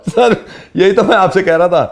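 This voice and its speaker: A man hosting a radio prank-call show, teasing a caller and telling jokes and riddles in an animated storyteller way. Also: high-pitched, moderate pace, noisy background. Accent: Hindi. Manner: teasing, animated storyteller who acts out characters.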